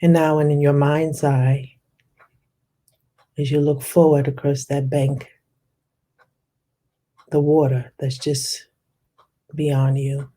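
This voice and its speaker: A meditation guide leads a guided visualization at a medium pitch, speaking softly and soothingly without hurry. The delivery stays flat, though descriptive words are drawn out.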